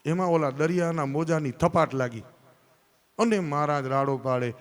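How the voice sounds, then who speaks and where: A scripture storyteller with a slightly high voice and a moderate pace tells a devotional story to a live audience. He addresses listeners directly and shifts into character voices now and then. The large hall at this religious event gives a long reverb.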